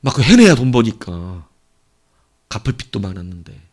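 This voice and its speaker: A man preaching a sermon as pastor, telling stories animatedly and swinging between hushed asides and loud, emphatic exclamations. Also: lowish voice, big pitch swings, moderate pace.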